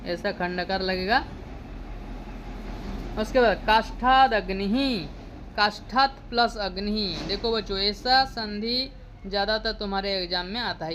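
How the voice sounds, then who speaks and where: A woman teaches in an unhurried, deliberate way. Her pitch sits in an ordinary middle range. She walks through exam answers step by step, asking the class each question and then answering it herself. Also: slight background noise. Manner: slow, patient explaining, repeats answers back as questions. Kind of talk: exam question walkthrough lesson.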